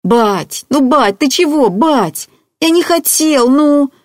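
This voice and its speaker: Unhinged young village man, childish, whining and babbling, pitched up high and loud, played by a woman reading the story. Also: animated, slow pace, dry recording, clean studio sound. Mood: whining, agitated.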